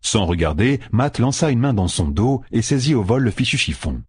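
A man narrating a fantasy audiobook in an expressive storytelling way. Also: mid-range voice, normal speed, husky, no echo, clean studio sound. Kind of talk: scripted narration.

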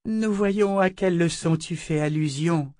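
A man's voice: fairly high pitch, unhurried, a little mellow, dry recording, studio quality, pitched above the performer's own voice, lightly acted. A man voicing a stern, insistent woman of a magical religious order in a storybook reading, speaking with cool gravity. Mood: solemn, placating. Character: stern female sister of a sorcerous order.

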